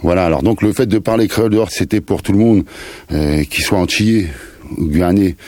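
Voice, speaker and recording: This guest, a musician in his fifties from the suburbs of Paris, has a low, dark voice and chats in a casual interview. His talk wanders, full of slang with some Creole mixed in, and the recording is dry.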